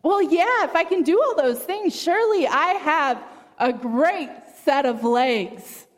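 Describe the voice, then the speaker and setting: Eager storybook snake, high and giddy, voiced by a woman, in an echoey hall. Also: slow pace. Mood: dismayed. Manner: excited, gushing. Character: eager, hopeful male snake awaiting creation.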